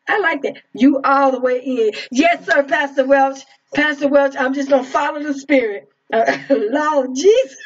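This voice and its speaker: High-voiced woman preaching emphatically. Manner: emphatic, repeats phrases, talks straight to listeners. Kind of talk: informal live-streamed sermon. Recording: dull lo-fi stream audio.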